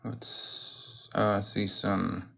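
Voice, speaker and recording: A live stream host chatting casually while showing off items, halting and often breaking off to greet viewers, with some noise and clicking. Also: sits low, little pitch movement, vocal fry, fairly bright tone. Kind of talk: casual live stream chat while unboxing oracle cards.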